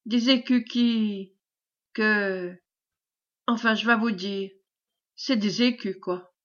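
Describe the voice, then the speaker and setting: A woman's voice: on the high side, normal speed, a bit bright, close to an everyday voice. Woman reading as a timid young peasant boy. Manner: hesitant, rustic country speech. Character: shy timid peasant boy, humble and earnest. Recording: dull lo-fi recording.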